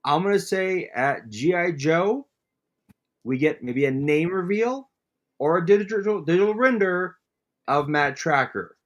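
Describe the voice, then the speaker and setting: A man co-hosting a casual livestream, rambling and halting with lots of fillers. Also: a little high, animated. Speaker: co-host.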